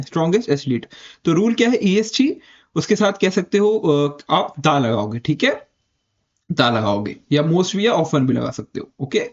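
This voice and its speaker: A man with an Indian accent teaching an English grammar lesson step by step, repeating key points and slowing down to spell out the English examples. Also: sits high, darkish tone, dull audio.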